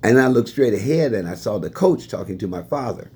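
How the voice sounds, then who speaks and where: Brisk and slightly breathy, his voice on the low side, an older man from Fort Wayne, Indiana tells animated life stories as he retires from his staff job, chuckling between answers and sharing the lessons he's learned.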